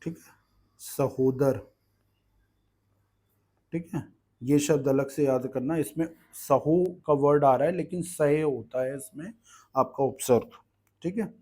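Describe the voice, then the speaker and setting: A man's voice: mid-range voice, takes it slowly, long pauses, darkish tone, husky. A man teaching an exam-prep grammar lesson, explaining patiently and checking in with the class again and again. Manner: explains patiently, asks "ठीक है" often.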